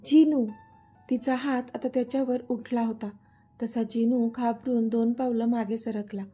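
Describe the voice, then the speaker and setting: Woman storyteller, dark mellow tone, slightly high pitch, scripted narration. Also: husky. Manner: even, expressive storytelling. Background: soft background music.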